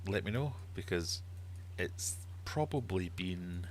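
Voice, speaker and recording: Hosting his livestream as quizmaster, a middle-aged Glaswegian man chats casually and ramblingly, reading viewer comments. His voice is low and animated but slow, and there's a little hiss or hum on the recording.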